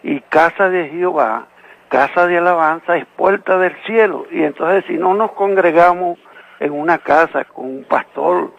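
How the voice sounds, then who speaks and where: A man's voice: fairly high pitch, normal speed, vocal fry, highs cut off. A man from Venezuela calling in over the phone to a live radio show, earnestly citing scripture verse by verse. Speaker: caller asking a Bible question.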